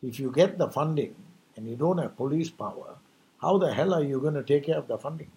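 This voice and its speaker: A man's voice: a little high, animated, brisk, mellow. A man delivering an impassioned New Year message as a rhetorical monologue, emphatic and preachy, full of rhetorical questions.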